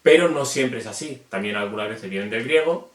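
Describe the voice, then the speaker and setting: A man's voice: medium pitch, lively intonation, a little fast. A man from Spain with a Spanish accent, chatting casually and self-deprecatingly as he explains something to viewers in a video. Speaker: reptile hobbyist explaining names. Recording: echoey room.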